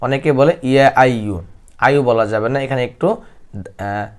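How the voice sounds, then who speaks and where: A man teaching Quran recitation rules in Bengali, explaining plainly and then reciting verses slowly and drawn out. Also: mid-range voice. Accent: Bangladeshi Bengali. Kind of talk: tajweed lesson, alternating explanation and slow recitation.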